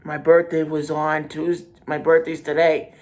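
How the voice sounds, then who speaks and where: A man of forty hosting his own podcast, talking in a halting, repetitive way with many restarts and fillers. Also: a little high, monotone, a little mellow. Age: 40s. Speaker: podcast host. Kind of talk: casual monologue.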